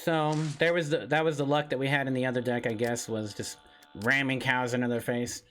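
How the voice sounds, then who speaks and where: A man's voice: mid-range voice, steady tone, a little fast, fairly bright tone. A man doing live game commentary as a streamer, grumbling and swearing as he goes. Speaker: gaming streamer.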